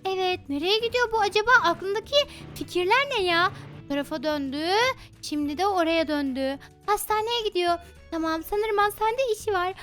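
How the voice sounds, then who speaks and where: High, bright-voiced woman gaming YouTuber. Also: fairly quick, soft background music. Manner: excitable, talks straight to viewers; plotting, mock-indignant storytelling. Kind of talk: animated Minecraft role-play commentary.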